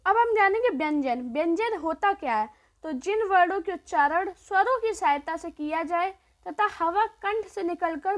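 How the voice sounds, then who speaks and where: A woman teacher giving a grammar lesson who asks questions and answers them herself, repeats each point and draws out the sounds slowly. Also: extremely high pitch.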